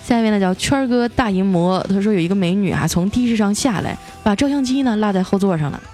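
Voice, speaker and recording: A woman's voice: mid-range voice, quick pace, warm tone, faint music behind. A woman hosting a comedy podcast, reading out listener jokes in a playful, teasing way and putting on voices for the characters. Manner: playful, teasing, self-mocking, laughs often; acts out quoted characters with shifting voices.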